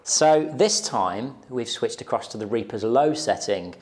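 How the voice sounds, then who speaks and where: With a medium pitch and lively intonation, a young man teaches guitar a little slowly, explaining each step on his lapel mic. The casual lesson takes place in a small indoor studio, with electric guitar in the background and beats counted aloud.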